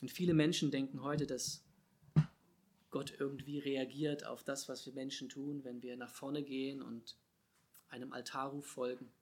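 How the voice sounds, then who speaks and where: A man preaching a sermon, swinging between loud emphatic calls and quiet, low asides. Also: level tone, normal speed.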